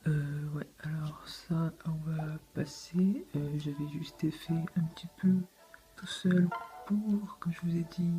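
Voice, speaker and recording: A man's voice: on the high side, steady tone, takes it slowly, mellow, soft background music, poor audio. A man doing casual, hesitant gameplay commentary as a let's play gamer.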